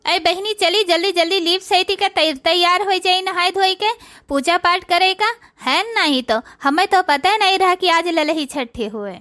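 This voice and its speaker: In a comic cartoon, a woman uses a very high-pitched, bright, pushed character voice at a measured pace to play a bold, scheming young daughter-in-law. She speaks with an Awadhi accent, sounding sassy and boastful as she addresses the audience.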